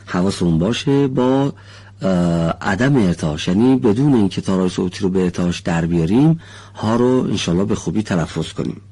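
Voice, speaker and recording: A man with a very low, somewhat breathy voice teaches pronunciation in a studio. He spells out each sound slowly and deliberately and praises students politely. His delivery is patient and instructional. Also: animated, dark tone. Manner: slow, deliberate, models sounds carefully; polite, encouraging toward students. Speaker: Quran recitation teacher. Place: recording studio.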